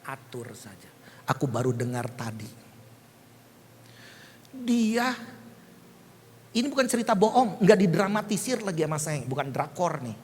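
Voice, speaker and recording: A man pastor delivering a lively sermon, moving between quiet storytelling asides and sudden shouted bursts. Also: on the high side, unhurried, long pauses, a little hiss or hum. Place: church hall. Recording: echoey hall with faint ambience.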